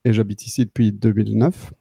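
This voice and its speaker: Man from southern Belgium, guest, hesitant casual talk, mellow tone, dry close sound. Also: fairly low pitch, steady tone, a little fast, gravelly, breathy edge, no echo. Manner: hesitant, many fillers and restarts. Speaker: guest, synth controller maker. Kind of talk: casual live-stream chat.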